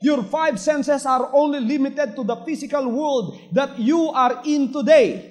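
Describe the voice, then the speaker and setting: A high-pitched male pastor with a Filipino accent delivers a fervent sermon. He mixes Tagalog and English, swinging from quiet, intimate asides to ringing shouts. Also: unhurried. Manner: fervent preaching, sudden swings from hushed to shouting; switches between Tagalog and English.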